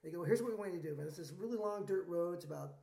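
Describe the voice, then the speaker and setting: Laid-back rambling songwriter man, gravelly, roomy sound. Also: sits high, rapid-fire, dark tone. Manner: laid-back, rambling storyteller with many fillers. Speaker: singer-songwriter guest. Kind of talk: casual interview chat.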